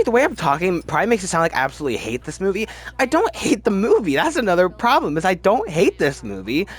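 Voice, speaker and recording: In this laid-back film ranking video, the male host shares strong opinions in a slightly high, somewhat bright voice. He wanders as he talks and keeps doubling up on words to stress his points.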